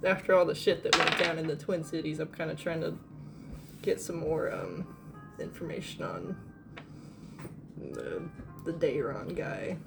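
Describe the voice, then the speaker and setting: A woman's voice: deep voice, animated, creaky, loud music behind the voice. Playful woman joking at a tabletop game. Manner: playful and giggly, quick to joke. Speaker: player. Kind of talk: casual tabletop role-play chat.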